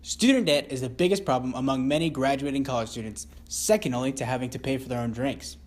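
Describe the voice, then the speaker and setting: A man's voice: mid-range voice, fairly even intonation, fast talker, noisy background. A man anchoring a satirical newscast, reading scripted copy in a mock-serious newscaster manner with crude asides.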